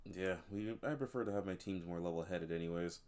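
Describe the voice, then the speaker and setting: A man acting as game master, talking in a relaxed, hesitant way with many pauses. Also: sits low. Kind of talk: running a tabletop game over a call.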